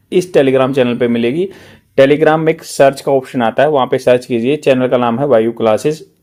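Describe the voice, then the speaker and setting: A man teaching English vocabulary, explaining in Hindi and repeating words slowly to drill their pronunciation. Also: medium pitch, dark tone. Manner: slow, drawn-out word-by-word pronunciation drills. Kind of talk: newspaper vocabulary lesson.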